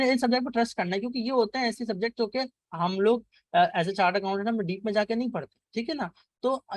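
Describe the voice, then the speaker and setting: High-voiced man lecturing. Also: no echo. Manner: mixes English phrases, keeps asking "right?", repeats words. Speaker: law lecturer. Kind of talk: orientation lecture.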